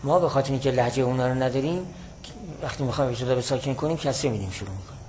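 Male teacher, mid-pitched, measured and explanatory, repeats points, faint noise behind. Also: a little mellow, poor audio. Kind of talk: classroom lecture explaining a classical text.

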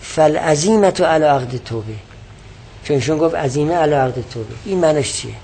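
A man with a fairly high voice teaches a religious text in a classroom lecture. He speaks patiently and explains each term step by step, often repeating his definitions. A faint hum of room noise sits behind him. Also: lively intonation, a little mellow.

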